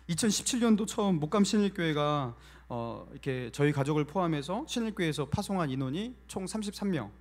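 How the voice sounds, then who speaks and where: A middle-aged man, a senior pastor, giving a Sunday sermon, moving from quiet storytelling to loud emphatic preaching and acting out his own past prayers. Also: on the high side, animated, fairly quick, hardly any pauses.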